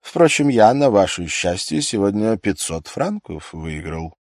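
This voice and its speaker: A man's voice: lowish voice, very animated, measured pace, a little mellow, no room sound, clean studio sound. A man reading an audiobook, voicing a haughty middle-aged general with condescending, affectedly polite speech.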